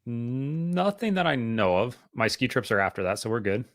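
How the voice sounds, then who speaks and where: A man's voice: medium pitch, very animated, normal speed. A man chatting as a podcast guest, curious and agreeable. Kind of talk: casual chat.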